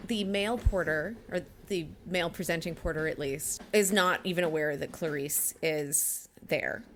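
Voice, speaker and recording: A woman with a slightly low voice narrates a tabletop game as game master. She improvises as she goes, over faint background noise. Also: a bit bright.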